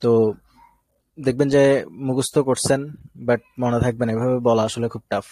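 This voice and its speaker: A man's voice: mid-range voice, level tone, normal speed, darkish tone, no echo. A man from Bangladesh teaching an online Arabic class, explaining step by step and often checking that students follow. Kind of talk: live online class lecture.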